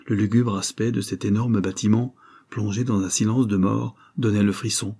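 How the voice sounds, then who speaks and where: Husky-voiced man reading an audiobook. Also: on the low side, fairly even intonation, moderate pace, warm tone. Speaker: audiobook narrator. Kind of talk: scripted audiobook narration.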